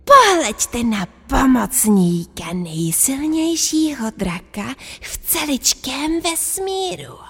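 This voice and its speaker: A woman voicing a croaky old male wizard, the dragon's helper, speaking slowly and grandly. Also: sits high, sing-song, fairly bright tone, exaggerated voice. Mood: grandiose.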